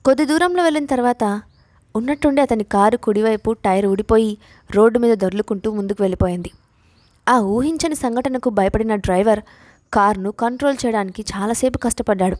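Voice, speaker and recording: A woman's voice: fairly high pitch, a little fast, darkish tone, dry recording. Woman narrating an audio story, dry.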